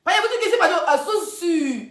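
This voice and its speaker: Woman, high voice, animated gossip storytelling, live-stream host, echoey room. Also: a little slow. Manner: chatty, animated storytelling, addressing viewers directly. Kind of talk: casual live-stream chat.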